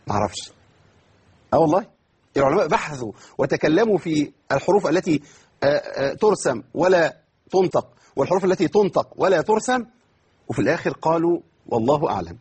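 In an online lesson, a man with an Egyptian Arabic accent teaches Quran recitation, repeatedly posing questions and answering them himself while stretching words out slowly to demonstrate. His very husky, slightly high voice is animated and darkish in tone, and he talks quickly.

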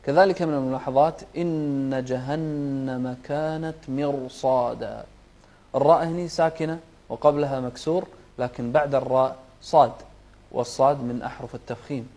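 A man teaching Quran recitation, patiently correcting mistakes and demonstrating each verse in a slow chant. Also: mid-range voice, steady tone, creaky, mellow. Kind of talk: recitation lesson, chanting verses for children to repeat.

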